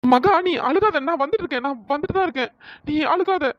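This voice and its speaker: A woman's voice: sits high, fast talker, no room sound, lo-fi sound, close to an everyday voice. A woman voicing a caring older-brother friend in a cartoon story, anxious and comforting. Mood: worried.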